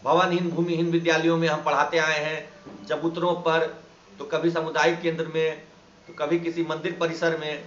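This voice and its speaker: A man's voice: a little high, flat delivery, moderate pace, a bit bright. A man from Bihar, a teacher, giving an impassioned monologue full of indignant rhetorical questions. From Bihar, India. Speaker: teacher and activist. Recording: echoey room, slightly dull sound, faint background noise.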